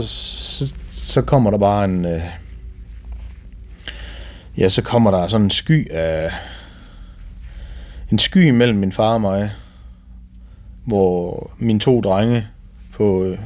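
A Danish man giving documentary testimony, retelling events vividly in a halting way with repeated words. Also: on the low side, darkish tone, slight background noise. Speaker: interviewee recounting family events.

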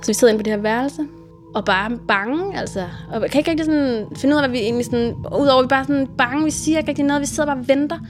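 Brief: woman, higher voice, radio storyteller, animated and profane, music bed. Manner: lively, swears, acts out her own shouts. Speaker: storyteller recounting a hitchhiking trip. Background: music under the voice.

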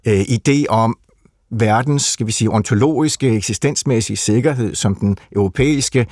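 A man's voice: mid-range voice, darkish tone, no echo, clean studio sound. A man explaining a literary subject in a conversation, thoughtful and hesitant, with many fillers and restarts. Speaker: literature expert guest.

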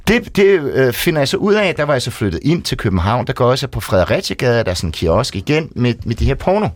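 A man on a radio show casually telling a long personal story, acting out the people who shouted at him. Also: mid-range voice, sing-song, dry recording. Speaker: guest storyteller. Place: radio studio.

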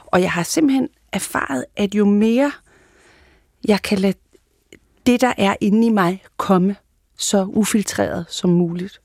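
A woman's voice: mid-range voice, darkish tone, no room sound. A woman actress talking reflectively in a casual studio conversation, hesitant with many fillers. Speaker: actress and guest.

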